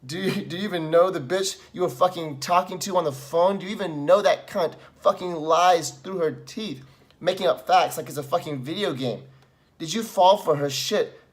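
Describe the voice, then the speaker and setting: A middle-aged man teaches in a blunt, swearing, coaching way, his voice sitting a little high. He drives his points home hard and tips into furious ranting to show the method. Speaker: self-help coach. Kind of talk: tutorial with example venting.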